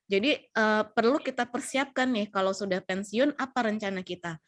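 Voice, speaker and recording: A young adult woman presents a health lesson on supporting older relatives. She speaks in a mid-range voice, explaining step by step and often pausing to restart a phrase. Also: mid-range voice. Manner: explanatory, many fillers and restarts, acts out quoted lines. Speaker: health educator.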